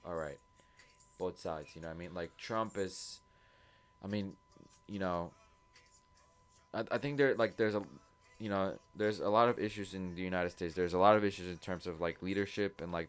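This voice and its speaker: A young man with a very deep voice in casual chat. He rambles and circles back to his point with many fillers, and he sounds a bit tipsy. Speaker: podcast co-host.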